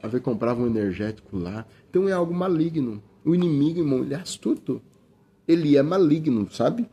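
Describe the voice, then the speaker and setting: A man's voice: mid-range voice, animated, brisk, dark tone, slightly rough. A middle-aged Brazilian man preaching an informal sermon in a conversational way, often calling listeners brother, with many restarts. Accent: Brazilian Portuguese.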